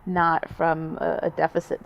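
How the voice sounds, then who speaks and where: A woman from Cameroon, a guest in a studio panel conversation, speaking earnestly and deliberately with drawn-out pauses. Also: low-pitched, monotone, creaky, dull audio, slight background noise. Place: small TV studio.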